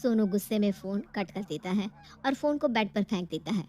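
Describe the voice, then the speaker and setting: A woman narrating a cartoon moral story in an even storytelling manner. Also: medium pitch, moderate pace.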